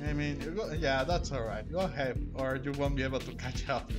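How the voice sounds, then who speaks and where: A game streamer with a mid-range, slightly quick voice chats casually through his gameplay, reacting out loud as he plays. Game music runs behind him throughout.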